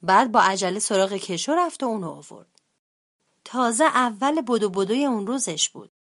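A woman reading a children's storybook aloud as narrator, in an expressive, lively way. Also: medium pitch. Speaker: translator and storybook reader.

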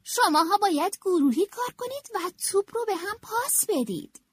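A woman's voice: extremely high pitch, sing-song, voice pushed up. A woman voicing an encouraging team coach in a children's storybook, rallying the players. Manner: rallying, instructive.

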